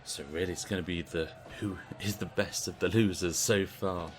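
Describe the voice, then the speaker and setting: A British man giving casual play-by-play commentary on a video game wrestling stream, chatty and relaxed. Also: low-pitched, moderate pace, soft background music. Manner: chatty, relaxed, asks the audience.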